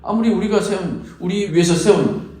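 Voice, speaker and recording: A man's voice: sits high, moderate pace, darkish tone. A man preaching a sermon as pastor, acting out quoted prayers and asking the congregation questions. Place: church sanctuary. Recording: very echoey church hall.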